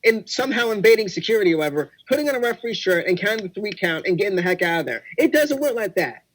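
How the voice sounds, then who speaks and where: High-voiced young man, exasperated. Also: very animated, a bit bright. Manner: exasperated, quick agreeing interjections. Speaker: podcast co-host. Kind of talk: casual podcast chat.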